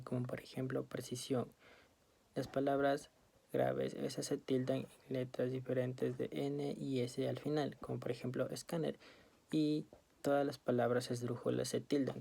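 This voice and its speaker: A woman reading study notes aloud as a student presenter, in a steady, list-like way. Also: extremely low pitch, vocal fry, slightly rough.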